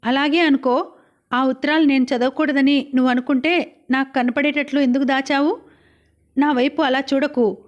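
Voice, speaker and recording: A woman's voice: sits high, steady tone, moderate pace, dull audio, natural voice. A woman voicing a scheming young man who pushes his diamond heist plan, in an audiobook. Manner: pushy and persuasive. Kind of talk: audiobook character reading.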